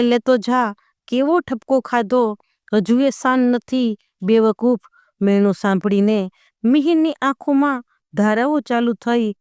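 A woman narrating a folk tale, reading all the characters' dialogue with lively emphasis. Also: medium pitch, smooth, no echo, studio quality. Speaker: storyteller.

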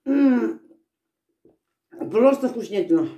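A woman's voice: on the high side, animated, takes it slowly, mellow. A middle-aged woman vlogger telling a story with her mouth full while she eats, in a chatty, rambling way. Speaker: mukbang vlogger. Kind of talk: casual storytelling while eating. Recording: echoey room.

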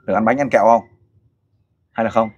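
A middle-aged man hosting a casual interview, coaxing and animated as he questions a child and a father. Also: on the low side, a little fast, husky, lo-fi sound. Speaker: host interviewer for a volunteer group.

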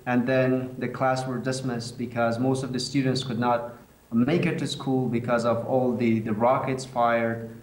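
A man from Afghanistan speaks earnestly over a video link, often repeating words as he goes. His voice is mid-pitched and carried through echoey room speakers. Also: flat delivery, a little slow. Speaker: program coordinator. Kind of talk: personal account.

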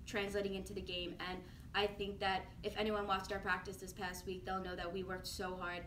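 A young college athlete talks casually through her press answers, her voice even and level. The room echoes and she sounds far from the mic. Steady noise hums behind her. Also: mid-range voice, fairly quick. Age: young adult. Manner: casual, says like and um. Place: office-like room, indoors. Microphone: far camera.

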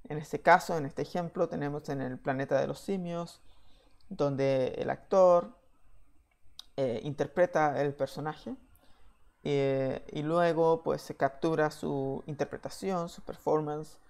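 A man from Chile giving a slide presentation from home, measured and pausing often with "eh" fillers. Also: fairly high pitch, fairly even intonation, creaky, a little mellow. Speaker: VFX software engineer giving a talk.

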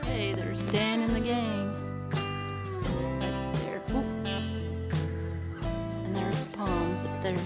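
A woman's voice: mid-range voice, slow pace, pauses often, over loud music. A woman in her sixties, an RV vlogger, chatting casually as she films outdoors in the desert and coaxes her dog. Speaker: RV travel vlogger. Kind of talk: casual vlog narration while filming. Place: outdoors in a desert canyon and campsite.

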